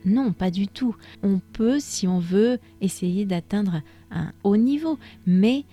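A woman gives a podcast lesson to language learners, her voice warm and mellow. She explains in a calm, measured way, often stopping to think with a soft "euh". Faint music plays underneath. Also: medium pitch. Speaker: French teacher.

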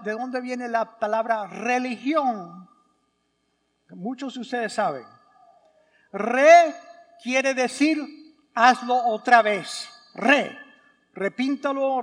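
A man's voice: very high voice, fairly bright tone. A man, a priest giving a sermon at Mass, who asks rhetorical questions and repeats words for emphasis. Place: church. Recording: church with long reverb.

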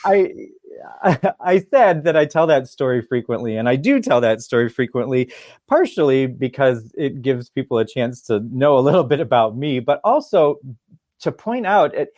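A man's voice: medium pitch, animated, moderate pace, darkish tone, dry recording, studio quality. A middle-aged man from Michigan telling a story in a casual interview, chatty and laughing often. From Michigan, USA. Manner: chatty, laughs often, acts out quoted voices. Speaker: guest, therapist and musician.

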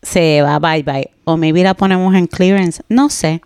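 Lively woman, crisp dry sound. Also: on the low side, a little slow, dry recording. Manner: expressive, jokey, mixes in English words. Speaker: podcast co-host. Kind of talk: casual chat.

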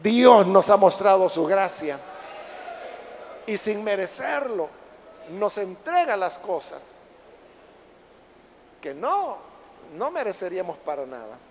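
A man preaching a Bible study sermon, who reads the verses slowly and with force, then explains them in a conversational way and calls his listeners brothers. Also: sits high, big pitch swings, slight background noise. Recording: long hall reverb.

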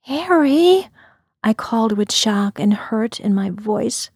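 Casting: woman storyteller, slow hushed delivery, mellow and husky. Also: medium pitch, level tone, no echo, studio quality. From US Midwest. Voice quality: soft, breathy whisper. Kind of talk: whispered storytelling.

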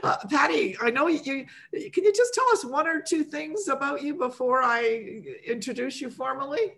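A woman hosting an online program for mothers, welcoming listeners informally in a chatty, halting way. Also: sits high, creaky, fairly bright tone. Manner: chatty, often chuckling, halting.

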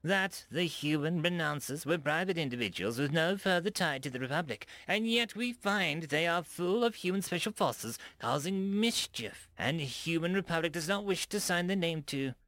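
Brief: menacing alien ambassador, smug and accusing, put on by a male reader; lifted pitch, dry close sound. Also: moderate pace, sharp tone, no echo.

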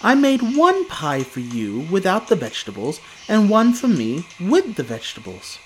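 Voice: medium pitch, huge pitch swings, moderate pace, slight background noise, voice pushed up, poor audio. A cheerful coaxing giant's wife, as a storyteller puts her on.

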